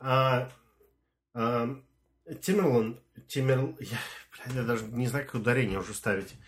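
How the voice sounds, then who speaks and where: A man's voice: medium pitch, fairly even intonation, normal speed, a bit bright. A man co-hosting a podcast, chatting casually with many hesitations and restarts. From immigrant to Canada. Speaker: podcast co-host. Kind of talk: casual chat.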